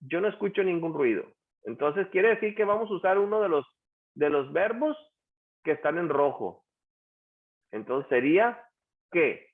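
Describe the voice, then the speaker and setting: A male English teacher takes an online class through grammar examples, patiently asking questions and repeating the answers. His voice is a little high and expressive, at normal speed with long pauses, heard over tinny, phone-like call audio.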